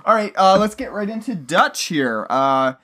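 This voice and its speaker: Relaxed, agreeable man co-hosting. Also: high-pitched, unhurried. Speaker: podcast co-host. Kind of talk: casual chat.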